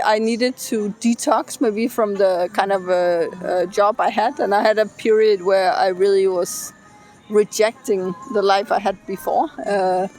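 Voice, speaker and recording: A woman's voice: medium pitch, a little mellow. Middle-aged woman from Denmark, interview guest, thoughtful, hesitant, outdoors. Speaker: interview guest, business consultant. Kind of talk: casual interview. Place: outdoors by the beach.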